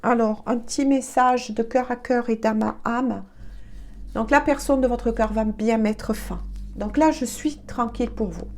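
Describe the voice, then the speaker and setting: A woman's voice: a little high, steady tone, measured pace, darkish tone. A woman giving a casual, chatty tarot reading, hesitant and congested from allergies. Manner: chatty, hesitant, peppered with "hein". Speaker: tarot card reader.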